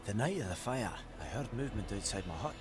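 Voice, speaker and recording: An actor playing a bitter, sarcastic old village blacksmith who grumbles coarsely, in video game dialogue. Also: male voice, on the low side, expressive, quick pace, close to an everyday voice. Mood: weary. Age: older. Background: game music.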